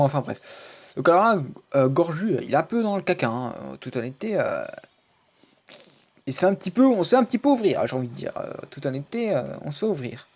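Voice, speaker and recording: A man's voice: a little high, a little mellow. A man hosting his own gaming channel, chatting through a recorded match in casual, rambling commentary full of fillers, restarts and repeated stock phrases. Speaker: video game channel host. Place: home screen recording, voice-over.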